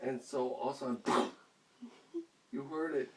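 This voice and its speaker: A man's voice: mid-range voice, fairly even intonation, unhurried. A father improvising a playful, rambling bedtime story at home, often laughing as he goes. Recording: roomy echo, mic far off, faint hiss.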